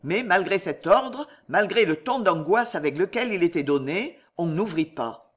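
An audiobook reader narrating a classic novel dramatically, slowing down at tense moments. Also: medium pitch, animated, fairly bright tone. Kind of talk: expressive literary narration.

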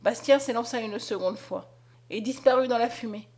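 A woman narrating a story aloud in a dramatic, expressive reading. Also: fairly high pitch, normal speed. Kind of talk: scripted audiobook narration.

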